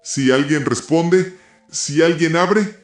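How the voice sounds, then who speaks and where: A man's voice: on the high side, takes it slowly, pitched above the performer's own voice. A man voicing a chorus of demanding spirit voices with an urgent, commanding manner, in a horror story. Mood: menacing. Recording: echoey room, faint music.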